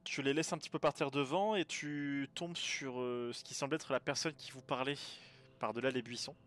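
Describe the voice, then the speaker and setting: A man's voice: medium pitch, steady tone, normal speed, fairly bright tone. A man improvising narration as game master of a tabletop role-playing game. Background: background music.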